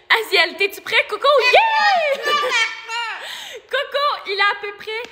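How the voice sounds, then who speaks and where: A woman's voice: very high voice, sing-song, very slow, big-room sound, background noise. A young Québécois woman presenting a parrot on a live stream, playful and laughing, cooing and singing to the bird. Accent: Québécois French. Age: young adult. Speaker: animal educator presenting a parrot.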